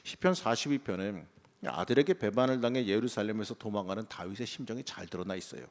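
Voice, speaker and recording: A male pastor gives a morning sermon in a church sanctuary, speaking conversationally before rising into emphatic bursts. His voice is low, expressive and quick, carried by a long church reverb.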